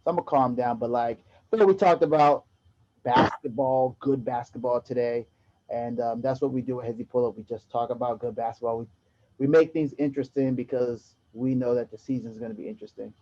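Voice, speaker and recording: A man hosting a casual basketball podcast, excitable and prone to getting loud. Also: mid-range voice, brisk, slight background noise. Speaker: podcast host. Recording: dull lo-fi audio.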